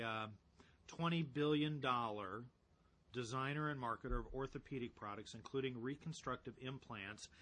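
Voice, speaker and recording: A man co-hosting a casual financial talk show, who talks through stock figures in a measured way and thinks aloud as he goes. His voice has a bright, forceful edge. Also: medium pitch. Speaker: value-investing co-host.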